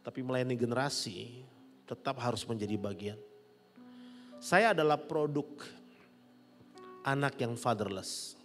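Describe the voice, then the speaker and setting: Middle-aged pastor preaching in echoing hall. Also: male voice, medium pitch, measured pace, pauses often. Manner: animated, rising to loud peaks, laughing with the congregation. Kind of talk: sermon. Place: large church hall. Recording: long church hall reverb with soft music.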